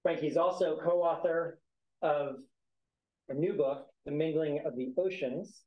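A man's voice: fairly high pitch, unhurried, lo-fi sound. A man moderating a university panel, reading speaker bios with light asides and self-deprecating humor. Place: university lecture hall. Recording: echoey lecture hall.

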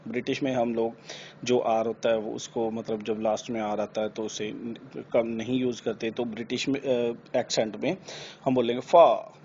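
A man's voice: mid-range voice, little pitch movement, moderate pace. Man teaching, words stretched out. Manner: says example words louder and drawn out. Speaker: English pronunciation teacher. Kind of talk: explanatory lesson. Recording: slightly dull with faint background noise.

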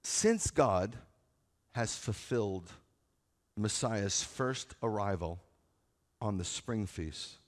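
Low-voiced and unhurried, with long pauses, a middle-aged American rabbi gives a sermon in a large sanctuary, standing at the pulpit before seated listeners. The recording carries the hall's reverb, and he stays conversational and wry, stressing points through repetition and rhetorical questions.

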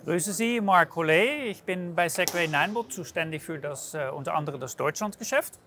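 A man's voice: fairly high pitch, expressive, sharp tone, a little hiss or hum. A man in his forties representing a company, explaining products casually with many hesitations, in a large exhibition hall. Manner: halting, many filler hesitations and restarts.

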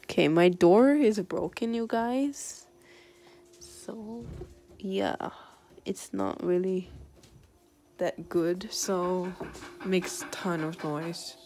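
Drawing out her words and pausing at length, a vlogger with a lowish, dark voice rambles through a chatty update from her bedroom, hiccupping and using plenty of fillers. A little hiss or hum sits in the recording.

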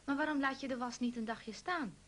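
A woman voicing a good-natured, unflappable husband who teases and coaxes in a brighter voice, reading a children's story. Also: fairly quick, a little hiss or hum, close to an everyday voice. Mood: cheerful. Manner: upbeat and coaxing, a bit louder and higher.

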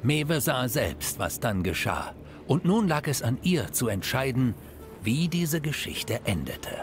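A man narrating a fantasy game as a storyteller, solemn, dramatic and deliberate. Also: medium pitch, big pitch swings, a little hiss or hum. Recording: music behind the voice.

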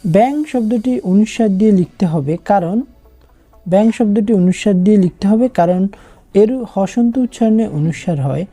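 A woman's voice: mid-range voice, lively intonation, normal speed, warm tone, soft background music. A woman with a Bangladeshi Bengali accent, working through exam prep questions as a tutor, reading each question and then giving its answer. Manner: reads questions then gives answers, with some restarts.

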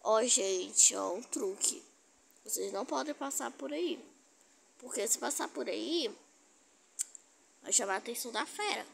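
A woman's voice: a little high, expressive, normal speed, vocal fry, pauses often, slight background noise. A woman giving chatty gameplay commentary, talking to her viewers and teasing opponents. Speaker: gaming streamer.

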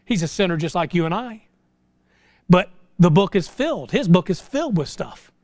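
Speaking at a moderate pace, a pastor with a high, animated, darkish voice preaches an informal sermon, and the recording carries no echo. He is a middle-aged American man in a small church sanctuary, exhorting in a folksy way and asking many rhetorical questions.

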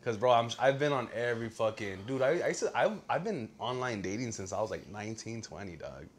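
A young man speaks quickly on a casual comedy podcast. He throws in slang and curses freely as he banters with his co-host. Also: medium pitch, animated. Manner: fast, slangy and profane.

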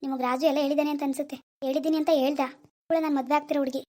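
A young man playing a stubborn village man who argues quickly and bluntly in a village drama. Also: extremely high pitch, little pitch movement, a little mellow. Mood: explaining.

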